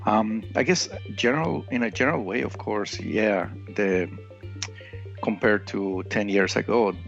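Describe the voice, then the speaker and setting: A man from Ecuador talks as a podcast guest in a low, gravelly voice. He speaks hesitantly and restarts his sentences often. The sound is dull and lo-fi, with faint music behind him. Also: measured pace, fairly bright tone. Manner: hesitant, many restarts and fillers. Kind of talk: casual interview conversation.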